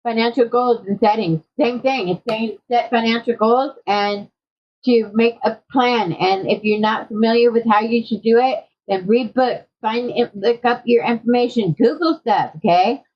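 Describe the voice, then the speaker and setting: A woman's voice: a little high, normal speed. Casual woman tarot reader. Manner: conversational, often checking in with "okay?". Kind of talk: casual tarot reading for viewers. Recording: dull lo-fi audio.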